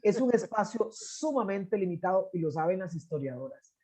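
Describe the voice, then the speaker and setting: A middle-aged woman from Costa Rica, an anthropologist and poet, tells her family history in an interview, restarting often and filling gaps with "este." Her mid-range voice is warm, animated and a bit rough, moving at a moderate pace in a conversational storytelling style.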